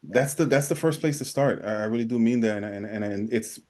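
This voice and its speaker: A man with a fairly low voice hosts a casual interview. He speaks in a halting way, doubling back on words while he looks for the right phrase. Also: darkish tone. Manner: halting, often repeats words as he searches for phrasing. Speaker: podcast host.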